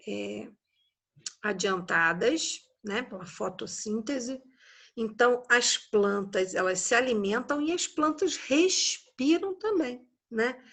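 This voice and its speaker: A Brazilian woman teaching a recorded class to young children, explaining slowly and patiently and often tagging her sentences with a questioning "né?". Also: on the high side, a bit bright. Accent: Brazilian Portuguese. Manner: slow, patient, explanatory, frequent "né?" tags. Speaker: schoolteacher.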